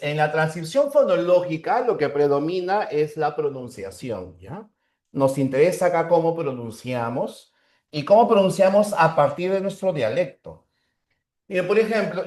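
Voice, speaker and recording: A man teaching a class, slowly stretching out example words and checking in with students between points. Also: a little high, expressive, darkish tone, reverberant. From Peru. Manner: slow, drawn-out spelling of example words; checks in with the class with short tags. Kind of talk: classroom lecture.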